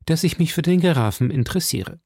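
A man voicing an eager, infatuated young swordsman who speaks in a flattering, fervent way. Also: on the high side, brisk, creaky, breathy edge, no room sound, clean studio sound, pitched above the performer's own voice, exaggerated voice.

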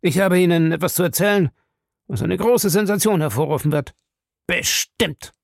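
Man reading bitter old man, high and agitated, gravelly, audiobook. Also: normal speed, no room sound, clean studio sound. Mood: eager. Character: old grey-bearded man, bitter, shaking with rage.

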